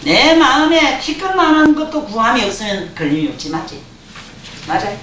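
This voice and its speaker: An older man with a Gyeongsang dialect delivers a folksy, joking Buddhist dharma lecture in a lecture hall, frequently quizzing his listeners. His very high voice is pushed and bright at a normal speed. The mic is distant, the hall roomy, with faint hiss.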